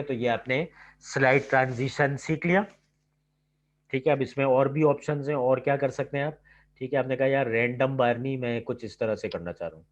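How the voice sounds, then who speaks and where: A man teaching a computer lab over a video call, explaining step by step and checking in with "ठीक है" at every turn. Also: medium pitch. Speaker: lab instructor. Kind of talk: online lab lecture. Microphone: computer mic on a video call. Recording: slightly dull online class audio.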